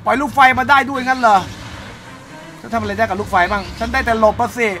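A man commentating live on his own gameplay, excitable, with loud exclamations and repeated cries. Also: extremely high pitch, fast. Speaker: game streamer. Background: game music.

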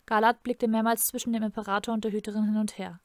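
A woman reading her own novel aloud in a measured, dramatic narration. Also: mid-range voice, flat delivery, no room sound, studio quality. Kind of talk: audiobook narration.

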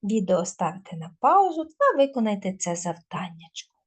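A woman teacher giving a recorded video lesson to schoolchildren, dictating word lists slowly and clearly. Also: medium pitch, very animated.

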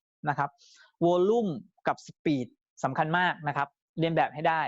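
A man's voice: fairly high pitch, fairly even intonation, a little fast, no echo. Dry-sounding Thai-speaking male sales coach. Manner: polite, often ends phrases with a softening particle; acts out customer lines to demonstrate. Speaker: sales trainer. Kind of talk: explanatory sales lesson. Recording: dry, slightly dull lo-fi sound.

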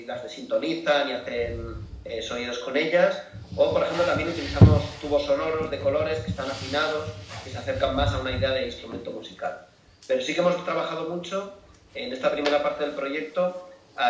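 A man's voice: mid-range voice, a little hiss or hum. A man joining by video call, answering an audience question at a forum with many fillers and hesitations. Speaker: music education project presenter on video call. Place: remote, heard over a video call in a hall. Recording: distant echoey lo-fi call audio.

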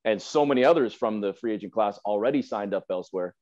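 A man in his forties with a lowish, darkish voice talks fast as a podcast guest, offering opinionated, emphatic sports takes and repeating phrases for effect. He's on a video call from a room at home, and the audio is slightly dull.

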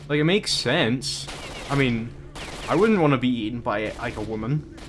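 A man's voice: medium pitch, expressive, normal speed, slight background noise. A young man streamer in casual, rambling chat who often stops and restarts his words.

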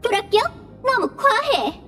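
A woman voicing an excitable cartoon monkey professor in a game, a strict, theatrical judge who scolds in exclamations. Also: very high-pitched, takes it slowly, heavily acted. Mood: scolding. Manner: exclamatory, scolding, chanting verbal tics.

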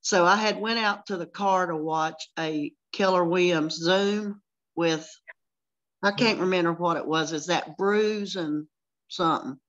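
A woman's voice: lowish voice, unhurried, a bit bright, dull audio. An older woman with a Southern US country accent, telling a chatty story on a casual group video call.

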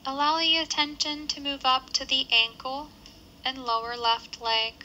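A woman with a very bright, slightly high voice guides a body scan, offering simple, gentle, measured instructions separated by pauses, her pitch barely moving. Faint noise runs in the background of this low-quality recording.

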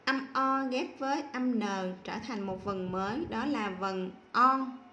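A woman teacher giving a slow, patient spelling lesson to young children, repeating each sound clearly. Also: fairly high pitch, sharp tone, roomy sound, slight background noise. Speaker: primary school teacher.

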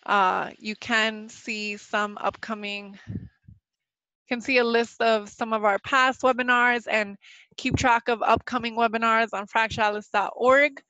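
A young woman hosting a webinar Q&A, a little nervous and halting, with a slightly sick voice. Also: on the high side, fairly even intonation, bright, forceful tone, smooth, no echo. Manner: nervous, halting, many fillers and restarts. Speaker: webinar presenter. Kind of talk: live webinar presentation with Q&A. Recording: dull, lo-fi dry webinar audio.

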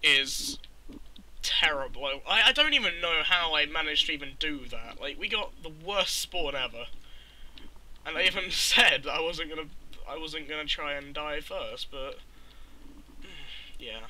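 A young man giving casual let's-play commentary over a headset, exasperated and swearing as he reacts quickly. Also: on the high side, lively intonation, pushed and bright, low-quality recording. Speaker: gamer commentator.

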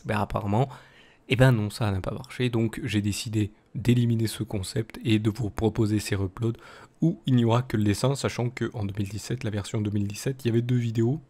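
A man with a French accent hosts his small YouTube channel, giving casual outro commentary full of fillers and restarts. His voice is lowish, steady and a little mellow, and he speaks briskly.

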